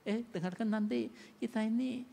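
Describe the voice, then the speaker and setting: A man preaching a sermon as pastor, animated and acting out voices, with sharp swings in loudness. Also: high voice, normal speed, vocal fry. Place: church sanctuary. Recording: long church hall reverb.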